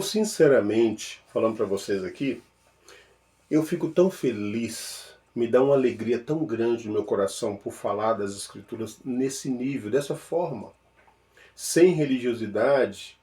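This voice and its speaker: A man with a Mineiro Brazilian accent giving an informal spiritual teaching, playful and animated, shifting between loud exclamations and soft murmured repetitions. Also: medium pitch, a little slow. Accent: Mineiro Brazilian Portuguese. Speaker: spiritual speaker.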